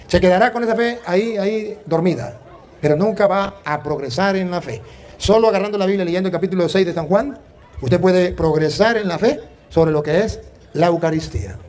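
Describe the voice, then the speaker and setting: Fast-talking priest, high-pitched. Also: male voice. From Venezuela. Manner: animated, emphatic, tells anecdotes with quoted dialogue. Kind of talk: preaching and storytelling.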